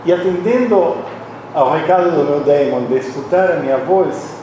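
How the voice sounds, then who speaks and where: A man's voice: fairly high pitch, normal speed, dull audio. A middle-aged man from Argentina, a Spanish speaker giving a personal, reflective academic lecture at a university conference and often restarting his phrases. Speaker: conference speaker, philosophy professor. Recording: very echoey hall, voice from a distance, audible background noise.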